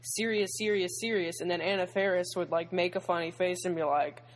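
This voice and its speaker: Excitable chatty co-host, casual talk. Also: mid-range voice, slight background noise, rough recording. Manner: chatty, excitable, quick to joke. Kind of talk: casual chat about a TV show.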